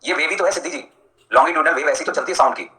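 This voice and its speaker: A male teacher runs a live online lecture at a brisk clip. His voice is bright and forceful, and he keeps it chatty and jokey, breaking off to answer students by name. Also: a little high, roomy sound, poor audio.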